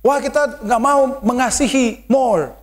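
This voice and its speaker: In church, a man with an Indonesian accent preaches a sermon, slipping English phrases in and building up to loud, emphatic calls. His voice is very high-pitched and his delivery unhurried.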